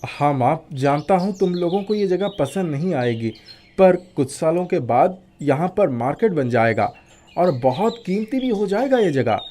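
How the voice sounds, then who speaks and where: An actor playing a practical young son in an animated story, explaining things patiently. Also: male voice, a little high, moderate pace.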